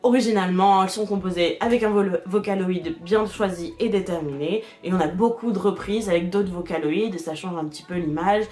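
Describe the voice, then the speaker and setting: Chatty woman with halting, filler-heavy delivery. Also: on the low side, dark tone. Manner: hesitant, many fillers and restarts, laughs often. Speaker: video creator explaining internet history. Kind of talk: casual explainer voice-over. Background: faint background music.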